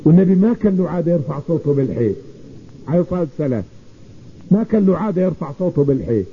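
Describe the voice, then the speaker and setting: A man's voice: on the high side, lively intonation, very fast, a little hiss or hum. A man preaching and telling a story, repeating his phrases for emphasis. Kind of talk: sermon storytelling. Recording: tinny phone-like radio broadcast.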